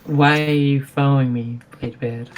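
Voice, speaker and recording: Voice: medium pitch, fairly even intonation, normal speed, a little hiss or hum. A player in a tabletop role-playing game, chatting casually and speaking for their character.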